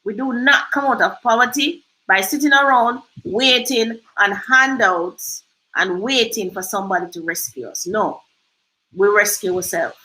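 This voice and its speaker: Jamaican woman host, emphatic and preachy, higher-pitched, forceful tone, drifts into patois. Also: a little slow, low-quality recording. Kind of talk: motivational livestream talk.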